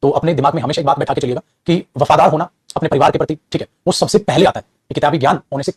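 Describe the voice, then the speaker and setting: Fast-talking high-voiced male teacher. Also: darkish tone, breathy edge, no room sound. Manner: explains patiently, calls students "beta" (child) often; lectures with moral advice. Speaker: English teacher. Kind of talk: classroom lecture.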